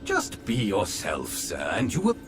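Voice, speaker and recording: Polite butler robot. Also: male voice, fairly low pitch, wildly swooping pitch, a little slow. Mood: deferential. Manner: formal, obsequious, addresses master as sir. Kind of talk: video game dialogue. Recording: game audio with background music.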